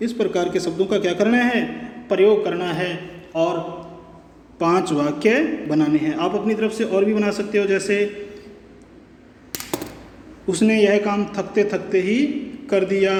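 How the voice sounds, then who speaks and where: Slow echoing male Hindi teacher. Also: high voice, darkish tone. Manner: slow, repeats and dictates example sentences. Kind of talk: Hindi grammar lesson. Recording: echoey room with long reverb.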